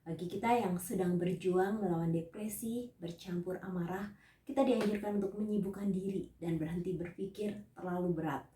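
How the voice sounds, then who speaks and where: A woman evangelist giving a scripted teaching sermon, reading out numbered points and Bible verses in a measured way. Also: fairly low pitch, steady tone, mellow, reverberant, recorded from a distance, a little hiss or hum.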